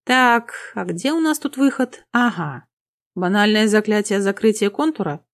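A woman's voice: medium pitch, normal speed, close to an everyday voice. A woman voicing a sly male archmage who speaks with wry, smirking ease. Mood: breezy.

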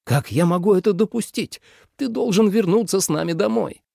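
A man's voice: sits high, brisk, vocal fry, darkish tone, no room sound, studio quality, pitched above the performer's own voice. A man voicing an anxious elderly father who pleads and frets in a storybook reading. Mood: pleading. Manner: pleading, fretful.

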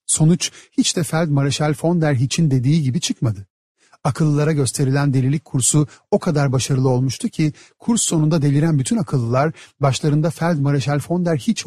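A man narrating a satirical story as an audiobook, in a steady, measured storytelling manner. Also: on the high side, husky, dry recording, clean studio sound.

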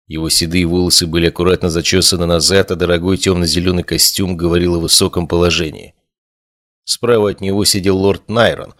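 A man narrating a first-person fantasy audiobook in a steady, measured storytelling manner. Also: low voice.

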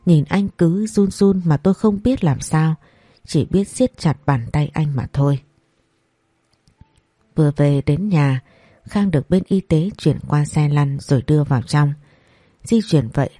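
A story narrator with a mellow, breathy voice reads a dramatic audiobook. The delivery is emotional and tense. The sound is close and dry. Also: mid-range voice, no echo.

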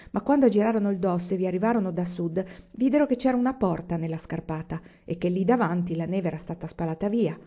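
A woman reading a novel aloud in a measured, even narration. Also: medium pitch, lo-fi sound. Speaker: audiobook reader.

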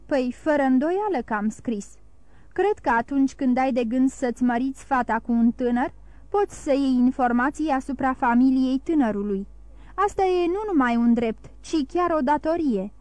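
A woman's voice: high voice, animated, darkish tone, no room sound. A woman reading the part of a middle-aged banker who protests and defends himself, blustering out of fear. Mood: defensive.

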